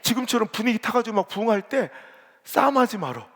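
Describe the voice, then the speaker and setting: A man's voice: extremely high pitch, big pitch swings, fast talker, fairly bright tone. A male senior pastor preaching a revival sermon in a blunt, joking, colloquial way. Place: large church sanctuary. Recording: long reverb of a big church hall.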